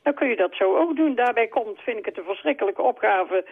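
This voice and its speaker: A woman phones in to a radio talk show, and her voice comes through a narrow, tinny phone line. She argues her case earnestly, pausing and hesitating as she goes. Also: fairly high pitch, expressive. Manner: earnest, repeats her point, speaks with hesitations. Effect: heard over a phone line on the radio. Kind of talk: opinionated call-in talk.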